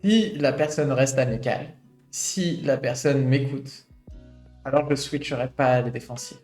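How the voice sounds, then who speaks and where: Reading a study aloud while streaming, this man in his late twenties pauses to reflect in his own words, leaning on fillers. His voice is mid-range and darkish in tone, and he speaks a little slowly. The sound is echoey, with faint guitar in the background.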